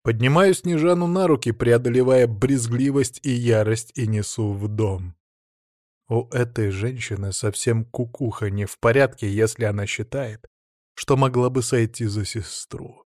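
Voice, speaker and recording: A man reading first-person audiobook narration in a calm, measured, menacing manner. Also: medium pitch, no echo, studio quality.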